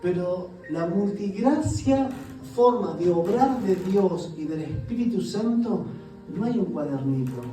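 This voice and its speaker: A man's voice: high-pitched, lively intonation, unhurried, music in the background. A male guest pastor, preaching a sermon full of rhetorical questions and acted-out quotes. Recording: echoey church hall, voice from a distance.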